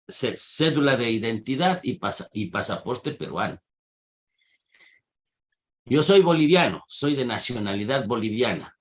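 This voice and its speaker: Didactic man lecturing in an online class. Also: medium pitch. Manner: questioning, didactic, challenges students' answers. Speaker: university lecturer. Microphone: video call.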